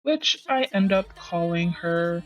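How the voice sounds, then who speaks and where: Narrating a scripted video for their own channel, a digital artist sounds chatty and earnest, their voice altered by a voice changer into something artificial whose sex is hard to tell. It sits in the mid range, moves slowly with lively intonation, and has its highs cut off, while music plays in the background.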